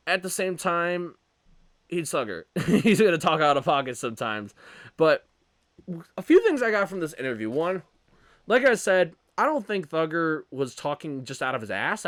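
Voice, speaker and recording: A man's voice: on the high side, no room sound, studio quality. Young man hosting a rambling solo podcast. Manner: rambling, self-correcting, animated opinions. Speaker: podcast host. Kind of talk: casual solo podcast commentary.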